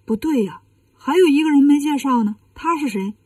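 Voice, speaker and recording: A woman's voice: sits high, lively intonation, fairly quick, warm tone, dry recording, clean studio sound, far from the mic. A woman doing a defiant monster impostor king. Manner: suspicious, defiant.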